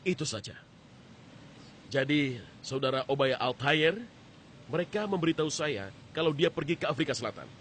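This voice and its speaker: A man's voice: on the high side, normal speed, pauses often, slight background noise. A man giving a dubbed lecture voice-over, telling an anecdote with quoted back-and-forth dialogue. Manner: animated storytelling with quoted dialogue.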